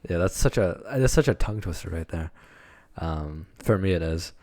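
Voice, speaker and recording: A man's voice: deep voice, animated, normal speed, darkish tone. A man co-hosting a podcast, talking in a laid-back casual way and swearing now and then. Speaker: podcast co-host. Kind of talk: casual chat.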